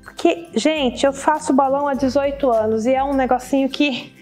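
High-voiced Brazilian woman giving a craft tutorial. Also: moderate pace, a little mellow, faint music behind. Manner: chatty, often checks in with viewers. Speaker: balloon decoration tutorial host. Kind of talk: casual instructional demonstration to camera. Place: indoor studio set with balloon wall and table.

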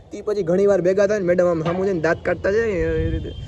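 The sound is lo-fi as a young vlogger, speaking quickly in a high voice, recounts a story outdoors by a school. He is animated throughout, acting out each quoted exchange in this casual vlog.

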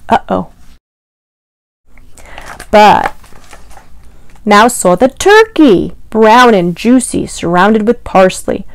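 A woman librarian reading a picture book aloud to young children in a sing-song, animated way, stopping to ask them questions. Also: mid-range voice, no echo. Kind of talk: storytime read-aloud.

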